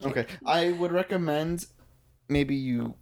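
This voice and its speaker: A man co-hosting a casual film review chat, relaxed and often searching for words. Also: a little high, measured pace, crowd noise. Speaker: podcast co-host.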